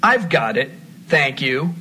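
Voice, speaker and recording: A man playing a wary, exasperated married man in a scripted drama, stern and deliberate. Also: mid-range voice, sing-song, sharp tone, slight background noise, full character voice. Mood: firm, exasperated.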